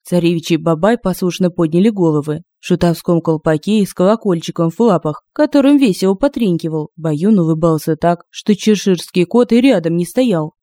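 A woman narrating a humorous fantasy audiobook in a lively, expressive way on a close home mic. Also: on the low side, a little fast, hardly any pauses, no echo. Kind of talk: scripted narration. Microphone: close mic, home recording.

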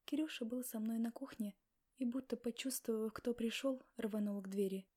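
Dark-voiced woman reading an audiobook. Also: on the high side, moderate pace. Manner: expressive, dramatic reading. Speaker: audiobook narrator. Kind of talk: first-person audiobook narration.

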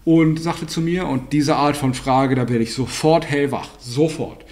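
Male coach, slightly raised pitch, blunt and lecturing monologue full of fillers. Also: fairly even intonation, measured pace, darkish tone. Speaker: online dating and life coach. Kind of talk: spoken monologue, anecdotes and advice.

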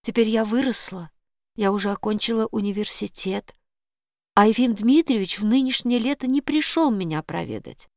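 A woman voicing a meek, gentle young orphan girl in a storybook reading, speaking softly and earnestly. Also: mid-range voice, normal speed, dry recording, clean studio sound, natural voice.

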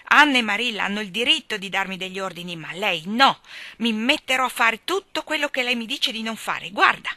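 A cheeky young rascal of a boy, voiced by a woman narrator, loud and taunting in a storybook reading. His tone is bright and forceful, and the recording is dry and close, with no room sound. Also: fairly high pitch, lively intonation, brisk, no room sound. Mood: defiant. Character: cheeky defiant young boy, boastful troublemaker.

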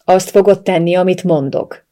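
A woman's voice: fairly low pitch, steady tone, dark tone, natural voice. A woman reading the lines of a controlling, violent ex-lover in an audiobook, in a commanding, threatening manner. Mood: menacing.

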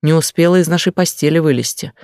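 A harsh, accusing middle-aged husband, voiced by a man reading the book. His jealousy comes out in shouted insults. The voice sits a little high and sounds dry and close. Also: fast talker, smooth, no echo, close to an everyday voice.

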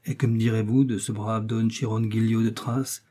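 A stubborn, blustering innkeeper, as a man reads him in an audiobook, who defends his books of knights with gusto. Dark, husky tone throughout. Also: lowish voice, level tone, normal speed, natural voice. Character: stubborn old innkeeper in love with chivalry books. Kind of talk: audiobook reading.

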